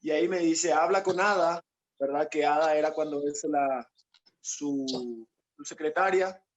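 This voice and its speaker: A Paraguayan footballer tells his story in an interview, slightly high-voiced and rambling, with many tag questions. The sound is muffled and lo-fi, like a call recording. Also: measured pace. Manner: rambling, quotes others, frequent "¿no?" tags. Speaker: footballer guest.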